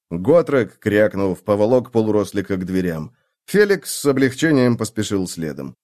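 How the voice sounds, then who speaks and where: Expressive male narrator for an adventure audiobook, animated delivery. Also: fairly low pitch. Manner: lively, expressive reading. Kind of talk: scripted narration.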